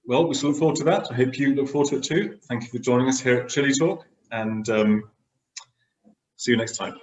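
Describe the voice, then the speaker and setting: A man's voice: mid-range voice, steady tone, fairly quick, a little mellow, muffled recording. A middle-aged man hosting a casual chat, talking loosely with lots of fillers. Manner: chatty, many "you know" fillers. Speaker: host. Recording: roomy echo.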